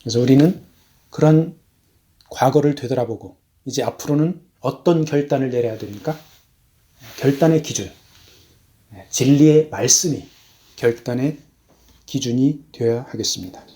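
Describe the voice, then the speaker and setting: A man preaching a sermon as a missionary, emphatic, his voice rising on key words and then falling low, slowing down for stress. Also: warm tone. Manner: measured, slows down for stress.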